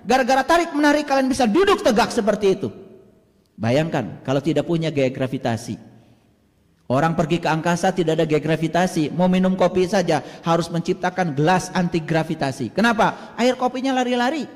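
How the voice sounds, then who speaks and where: A religious teacher with an Indonesian accent and a strikingly high, expressive voice delivers a dramatic sermon, swinging from loud bursts to near whispers. He slows down to chant Arabic verses, and a long hall reverb makes his words ring out.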